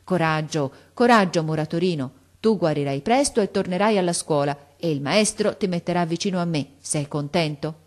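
A woman voicing a kind, steady schoolboy who speaks earnestly and comfortingly. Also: on the low side, normal speed, few pauses, natural voice.

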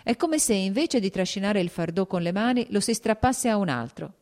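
A woman's voice: medium pitch, animated, brisk, darkish tone, pitched above the performer's own voice, close to an everyday voice. A woman reading a worldly persuasive officer.

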